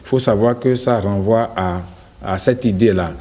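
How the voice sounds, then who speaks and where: A man on a morning TV show, explaining French pronunciation slowly and carefully, repeating his example phrases. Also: on the low side, mellow. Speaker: French language expert guest.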